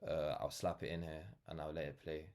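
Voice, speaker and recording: Speaking briskly in a very deep, slightly mellow voice with flat delivery, a nineteen-year-old man with a London accent muses casually to camera. The vlogger and brand founder is earnest and rambling, often dropping in "like" and "you know."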